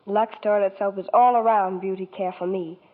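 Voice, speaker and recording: Over a tinny 1940s radio broadcast, a New York woman appears as a guest starlet in an interview. Her mid-range voice keeps a fairly even intonation at a normal speed as she delivers sweet, polite scripted chat.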